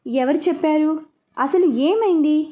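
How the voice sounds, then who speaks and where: A woman's voice: sits high, a little slow, dark tone. A woman voicing a caring, firm woman who comforts and questions a crying friend.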